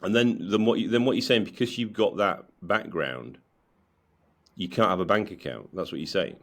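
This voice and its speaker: A UK man hosting a podcast interview keeps repeating words and restarting his questions with stammering false starts. His voice is low-pitched and a bit bright, at a moderate pace.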